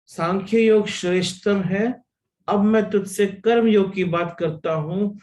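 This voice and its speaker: A man giving a spiritual discourse, telling a parable slowly and deliberately and repeating phrases for emphasis. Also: high-pitched, fairly even intonation, a little mellow, poor audio. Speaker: spiritual teacher.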